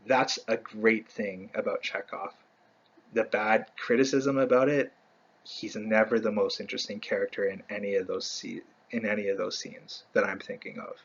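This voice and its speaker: A man's voice: on the low side, fairly even intonation, normal speed, vocal fry, lo-fi sound. A man hosting a casual fan video, rambling through a ranked list with many fillers and self-corrections. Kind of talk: casual ranking commentary.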